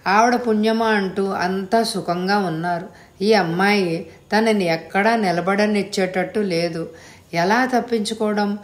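A woman narrating a story in a steady, even reading. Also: medium pitch. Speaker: audiobook narrator. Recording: echoey room.

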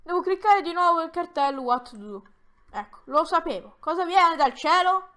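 A woman commenting on her own Minecraft play for viewers, excitable and given to dramatic exclamations while talking straight to the audience. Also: extremely high pitch, normal speed. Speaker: gaming YouTuber.

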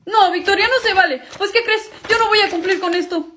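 A woman's voice: very high voice, brisk, pushed and bright, slight background noise. A woman playing an earnest, indignant teenage boy who pleads and protests in a comedy skit. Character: indignant, earnest teenage boy, put-upon younger brother.

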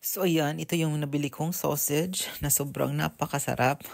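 A man's voice: a little high, fairly even intonation, gravelly, dry recording. A young man vlogging casually while walking a cold city street, phone held at arm's length, chatty and shivering. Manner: slow, chatty, often says "so, ayan". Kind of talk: casual travel vlog. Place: outdoors on a city street and in a train.

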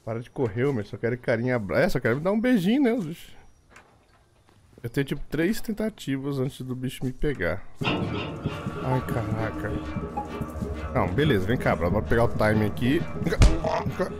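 Scared Brazilian man streaming horror, wildly swinging pitch. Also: sing-song, normal speed, pauses often. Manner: scared, jumpy, yelping and swearing. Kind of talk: live gameplay commentary. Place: small indoor room. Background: game music.

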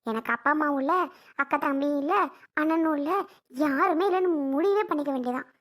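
Woman doing a very high-voiced young mom from a family drama skit, emotional and repetitive. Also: brisk, natural voice. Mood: bitter, aggrieved. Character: anxious young mother wronged by her brother's family.

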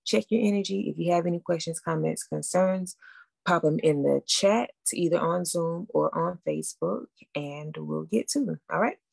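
A woman's voice: lowish voice, moderate pace, vocal fry, darkish tone, no echo. A woman coach hosting a live online masterclass, talking casually and upbeat and checking in with listeners with a frequent "okay?". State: out of breath after running upstairs.

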